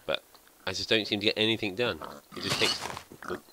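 A man's voice: lowish voice, steady tone, brisk, very noisy. A man giving casual, rambling gameplay commentary as a let's play host, thinking aloud and poking fun at himself.

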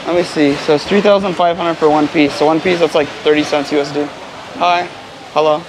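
A travel vlogger from the United States, speaking fairly quickly in a slightly high voice with fairly even intonation, explains local dishes and words to his viewers. He's on a busy city street, and traffic and street sounds carry in the background.

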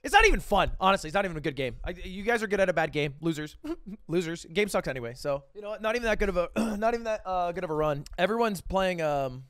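A man's voice: high-pitched, lively intonation, quick pace, few pauses, clear, resonant tone, dry recording. A man in his twenties giving casual, exclamatory live-stream commentary on a close mic, swearing freely. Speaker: streamer reacting to a speedrun video. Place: indoor room at home. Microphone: close boom-arm microphone.

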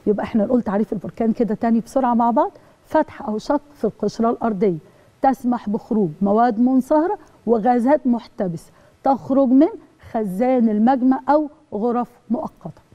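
Egyptian woman teacher, quick, fairly high voice, drills definitions, dull lo-fi sound. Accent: Egyptian Arabic. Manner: repeats definitions, asks and answers her own questions. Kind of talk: exam review lesson.

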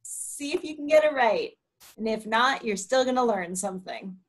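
A woman's voice: fairly high pitch, animated, moderate pace. A woman hosting an online talk on a video call, reading poll questions aloud and encouraging people to try. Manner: friendly, encouraging, reads poll options aloud. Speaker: webinar host.

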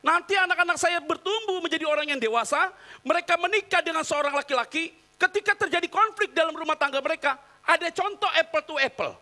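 A middle-aged man preaching a sermon in church, animated and quoting people in acted voices. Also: very high voice, fast talker. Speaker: pastor.

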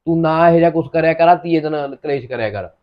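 A Punjabi man plays a young husband caught in a household row, his voice pitched fairly high. He pleads and scolds by turns in an animated way. The recording sounds dull and lo-fi. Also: fast. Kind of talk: village family drama acting.

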